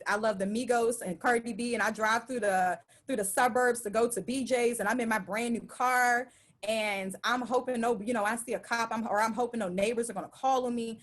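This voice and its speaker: A middle-aged woman preaching a sermon in a conversational, emphatic and animated way. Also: fairly high pitch.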